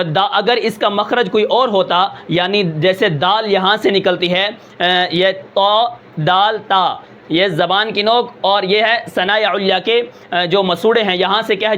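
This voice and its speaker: A man with a fairly high voice teaches a tajweed pronunciation lesson, explaining patiently step by step. He poses questions and answers them himself, and now and then slows down to draw out a sound. The recording is somewhat dull and lo-fi. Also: bright, forceful tone. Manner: patient, explanatory, asks himself rhetorical questions and checks in with "okay"; slows and draws out words to demonstrate sounds. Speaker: Quran recitation teacher.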